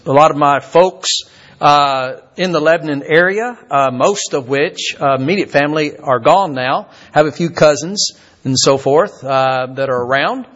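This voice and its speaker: An older man from Kentucky, a visiting preacher who talks haltingly and repeats words, with many fillers. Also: on the high side, fairly bright tone, dull audio. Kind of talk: sermon.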